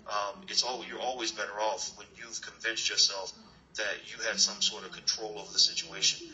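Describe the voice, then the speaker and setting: A man's voice: lowish voice, flat delivery, normal speed, bright, forceful tone, highs cut off. Earnest man hosting an online class. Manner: earnest, rambling with many fillers. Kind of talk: motivational talk and interview. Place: new location, dim room. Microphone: video call.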